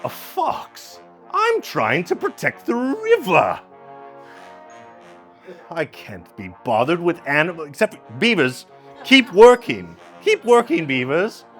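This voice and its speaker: A man voicing a loud, bossy male river spirit in a live puppet show, barking orders and mocking. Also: sits high, wildly swooping pitch, slow, soft background music, exaggerated voice. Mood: irritated.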